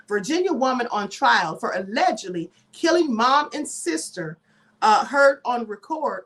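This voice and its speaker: Chatty woman host, higher-pitched, emphatic live commentary with asides. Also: a bit bright. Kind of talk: live commentary and reading news aloud.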